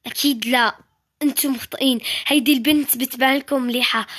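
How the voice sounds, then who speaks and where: A woman voicing several characters in a home-made series, switching between excited, tearful and soothing lines. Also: sits high, fast.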